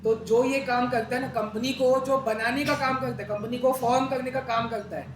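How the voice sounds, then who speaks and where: A man's voice: very high voice, fairly even intonation, moderate pace. A man teaching an accountancy class, talking conversationally, quizzing students and repeating key terms. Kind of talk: classroom lecture. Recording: echoey room with background noise.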